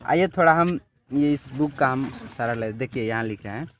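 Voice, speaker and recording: Brief teacher with a lilt. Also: male voice, mid-range voice. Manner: drawn-out explanatory, repeats and checks "ठीक है". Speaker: chemistry teacher. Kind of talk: classroom lesson with a student. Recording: dull lo-fi recording.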